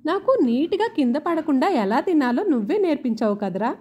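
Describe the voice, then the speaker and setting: A woman's voice: high-pitched, sing-song, moderate pace, dark tone, dull audio. A woman voicing a remorseful young man who pleads tearfully with his childhood friend, read in an audiobook. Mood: fond. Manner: pleading, emotional. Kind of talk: audiobook dialogue reading.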